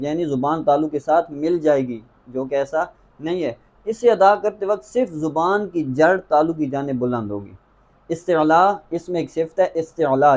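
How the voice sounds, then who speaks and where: Pakistani urdu accent guy teaching quran recitation, a bit high voice, repeats each letter slowly. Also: darkish tone. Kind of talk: tajweed lesson.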